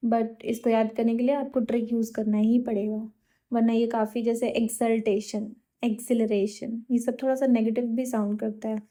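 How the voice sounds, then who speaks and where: Patient Hindi-English tutor woman, bright voice. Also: on the high side, level tone, moderate pace. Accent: Uttar Pradesh–Bihar Hindi. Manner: explains patiently, checks in with "theek hai?". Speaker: exam vocabulary teacher.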